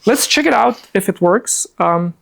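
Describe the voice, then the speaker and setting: A man in his forties from Afghanistan sits at a laptop giving a casual live workshop in a meeting room, filmed by a camera across the room. Chatty and upbeat, he uses plenty of fillers, his high voice lively in intonation, a little slow, fairly bright, with vocal fry.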